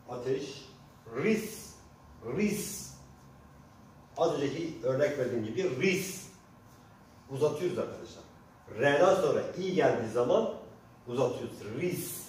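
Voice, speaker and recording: A man giving a language lesson, slowly spelling out letters and repeating example words for his listeners. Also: mid-range voice, darkish tone. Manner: slow, deliberate, repeats example words and addresses listeners often. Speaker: Kurdish language teacher. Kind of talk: alphabet lesson for Turkish speakers. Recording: very echoey, distant mic, faint noise.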